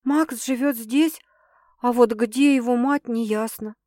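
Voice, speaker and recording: A woman's voice: fairly high pitch, fairly even intonation, slow, darkish tone, no echo, pitched above the performer's own voice. A woman reading out a flustered young woman in a storybook, hesitant and a little defensive, her voice lifted above plain narration. Dry, close sound. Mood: unsettled. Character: flustered young woman, wary but curious.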